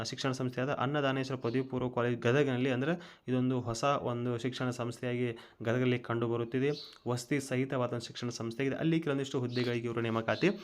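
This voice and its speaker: A man casually explaining job notices in a voice-over, with many fillers and restarts. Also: medium pitch. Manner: repeats fillers, often restarts. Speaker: job news presenter.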